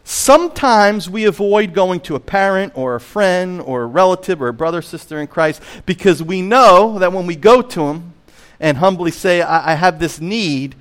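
A high-voiced pastor preaches emphatically, swinging widely between loud and hushed and slowing down on stressed key phrases. He also puts direct questions to the congregation.

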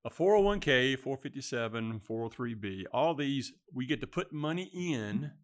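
A man's voice: medium pitch, lively intonation, moderate pace. A man hosting a financial discussion, recapping and asking questions in plain words. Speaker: podcast host.

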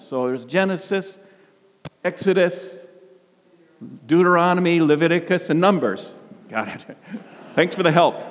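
A man preaching an informal, conversational sermon, with colloquial, folksy phrasing and a halting delivery. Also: high-pitched. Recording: reverberant hall.

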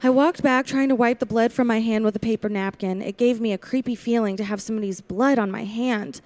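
Brisk and somewhat high, this woman's natural voice has a darkish tone and no room sound. She plays a young, lonely drive-in waitress in a 1940s-style radio play, narrating in first person with a wary, confiding, wistful air.

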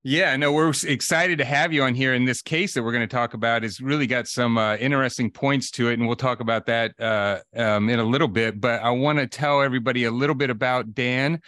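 A man hosting a podcast in a conversational, halting manner, repeating words as he goes. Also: mid-range voice, steady tone, fairly bright tone, dry recording, clean studio sound. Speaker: podcast host. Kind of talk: conversational introduction of a guest.

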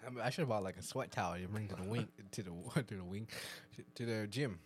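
A man with a lowish voice chats excitably on a podcast, laughing often and tripping over his words as he restarts them. He sits close to the mic in a small podcast studio. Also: quick pace, slightly rough. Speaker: podcast co-host. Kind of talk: casual chat while eating hot wings.

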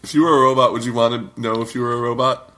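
A man on a comedy podcast dropping dry, quick quips. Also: mid-range voice, fairly even intonation, noisy background. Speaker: podcast co-host.

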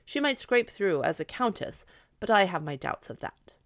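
A blunt, skeptical peasant squire, as a woman storyteller voices him, talking in a folksy, down-to-earth way. The voice sits close to her own mid-pitched reading, dry and near. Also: sing-song, moderate pace, no echo, lightly acted. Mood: doubtful. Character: plain-spoken doubtful male peasant squire.

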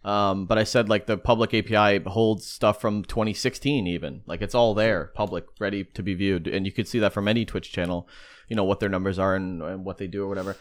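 A man co-hosting a casual podcast, rambling and animated, with lots of fillers and restarts. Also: low-pitched, fairly quick. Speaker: podcast co-host. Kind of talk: casual chat.

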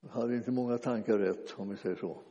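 A man preaching an informal sermon, speaking conversationally and haltingly with frequent restarts and fillers. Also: lowish voice, fairly even intonation, mellow. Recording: dull lo-fi sound with long reverb.

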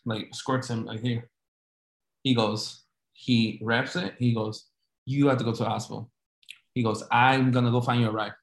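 A man telling a story casually, rambling with lots of restarts. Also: medium pitch. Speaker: storyteller recounting an injury. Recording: echoey room.

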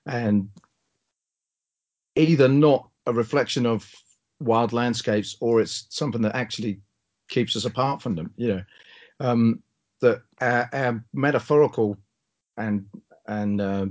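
Man, mid-pitched voice, searching delivery in short phrases, reflective conversation, dull lo-fi audio. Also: darkish tone.

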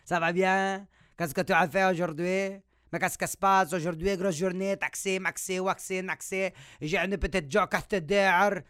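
A man's voice: sits high, fairly even intonation, measured pace, fairly bright tone, clear, resonant tone, dry recording, studio quality. A man imitating his chatty, teasing immigrant father with an Arabic accent. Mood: cheerful. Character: immigrant dad, warm and jokey, middle-aged.

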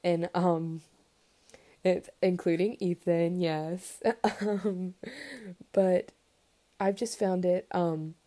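A young woman talks in casual podcast chat, her voice a little low and mellow, and she stays fairly flat in tone. She is full of fillers and small giggles and keeps gushing about the people she cares about. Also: extremely slow, long pauses. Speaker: podcast guest.

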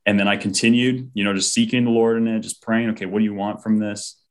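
Low-voiced man telling a heartfelt story. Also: level tone, fast. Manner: heartfelt, often acts out quoted speech. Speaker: guest sharing a faith story. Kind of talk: earnest personal storytelling.

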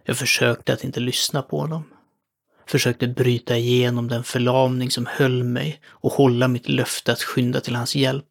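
Gravelly, flat-voiced male horror narrator. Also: mid-range voice. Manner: solemn, measured. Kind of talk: first-person horror story narration.

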